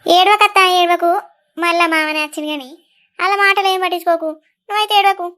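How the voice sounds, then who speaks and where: Telangana telugu woman in a village skit, very high bright voice, talks fast and chiding. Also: steady tone. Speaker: actor in a comedy skit.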